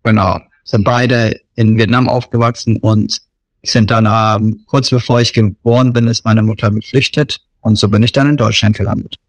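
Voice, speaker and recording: A man in his thirties from Germany, a missionary, answering interview questions in a relaxed way with many fillers. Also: on the low side, normal speed, dry recording. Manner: relaxed, filler-heavy talk.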